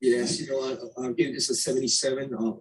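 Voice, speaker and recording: A man critiquing photographs as a competition judge, energetic and emphatic, repeating his key points. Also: mid-range voice, quick pace, slightly rough. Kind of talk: spoken critique. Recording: distant mic.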